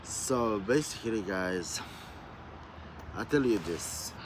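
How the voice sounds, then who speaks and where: Low-voiced guy from somalia rambling to his viewers outside, keeps saying you know what i mean, street and traffic noise behind. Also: expressive, slow. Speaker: vlogger. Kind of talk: casual rambling monologue.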